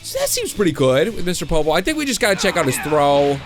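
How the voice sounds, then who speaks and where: This gaming host is a young man with a slightly high, lilting voice who talks quickly. Still shaking off a cold, he sounds a bit off as he wonders aloud, unsure, and laughs frequently. His relaxed play-by-play runs over game music.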